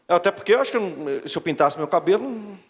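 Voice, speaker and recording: Lively Brazilian pastor in a ringing hall. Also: male voice, high-pitched, racing. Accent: Brazilian Portuguese. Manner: lively, exhorting, mimics whiny voices. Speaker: pastor officiating a wedding. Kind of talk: wedding sermon. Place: large church hall. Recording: long reverb of a church hall.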